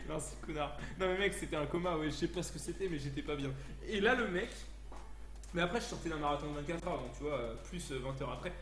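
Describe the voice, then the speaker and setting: Animated, crude-talking young streamer. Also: male voice, a little high, fast talker. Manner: animated, crude, laughing, full of fillers. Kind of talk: casual storytelling on a live stream. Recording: roomy echo, faint music.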